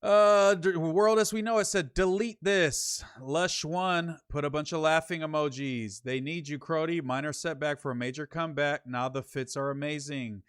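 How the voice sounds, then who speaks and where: A man's voice: a little high, fairly even intonation, moderate pace, hardly any pauses, fairly bright tone, clean tone, no room sound, studio quality. A young man hosting a casual livestream, reading viewer comments aloud and reacting with slangy jokes. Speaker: podcast host reading chat.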